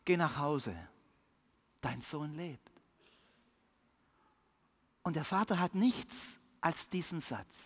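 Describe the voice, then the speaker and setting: A preacher telling a Bible story to children in a sermon, with vivid swings between hushed and lively delivery. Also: medium pitch, big-room sound.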